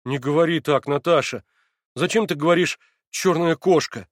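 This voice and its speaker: A man's voice: fairly high pitch, a little fast, dry recording, voice pushed up, natural voice. Brief: male reader doing an eager young man, raised voice, fervent, dry audiobook sound. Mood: heated. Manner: heated, excitable, swearing oaths.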